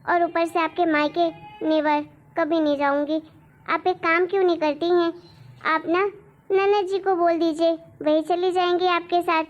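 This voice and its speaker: A woman's voice: extremely high pitch, little pitch movement, normal speed, lo-fi sound. A woman voicing a snobbish young daughter-in-law. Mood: dismissive. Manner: dismissive, showy, sharp. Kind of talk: cartoon voice acting.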